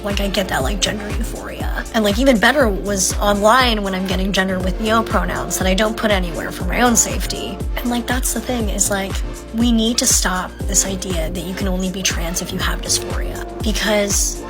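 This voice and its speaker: Young woman, fast chatty vlog talk, mid pitch, over clear music. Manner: quick, chatty, filler-heavy. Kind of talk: casual talking vlog.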